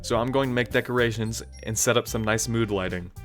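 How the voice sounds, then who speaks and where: A man reading a shy bookish girl's lines aloud in a game playthrough, in a soft, low, intense voice. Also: brisk, soft background music, close to an everyday voice. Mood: calm. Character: shy bookish teen girl turning obsessive.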